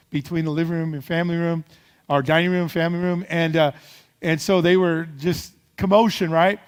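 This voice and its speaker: A man's voice: on the high side, smooth, big-room sound. A man preaching a sermon as pastor, telling a story in a loose, rambling way with many fillers and restarts.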